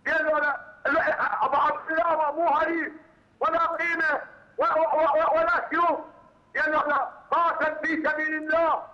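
A man's voice: extremely high pitch, level tone, moderate pace. A man from southern Iraq with an Iraqi Arabic accent, calling in and ranting in anger, repeating himself and stumbling over words. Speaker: caller. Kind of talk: angry phone-in rant. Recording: muffled phone line with hall reverb.

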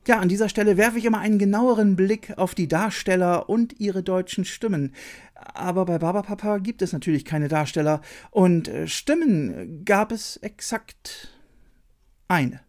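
Recorded on a desk microphone in a small, shelf-lined indoor room, a middle-aged man hosts and narrates a scripted video essay with music behind him. His voice sits high and moves at a normal speed.

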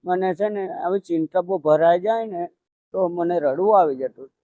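Elderly man from Gujarat, high thin voice, dry close sound; halting and plaintive, repeats himself. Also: mellow, no echo. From Pavagadh, Gujarat. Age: older. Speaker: interviewee. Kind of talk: emotional conversational interview. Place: outdoors by a roadside hut.

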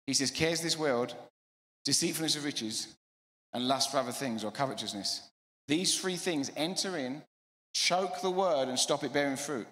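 A middle-aged man preaching a sermon to a church, energetic and emphatic, repeating phrases. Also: medium pitch, normal speed. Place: church hall. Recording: echoey church hall.

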